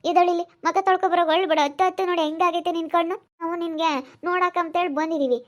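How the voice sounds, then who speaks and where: A woman's voice: very high voice, flat delivery, quick pace, voice pushed up. A woman voicing a bossy but caring older female relative who keeps repeating firm orders, with a rural Chitradurga Kannada accent. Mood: soothing. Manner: firm, insistent, repeats commands.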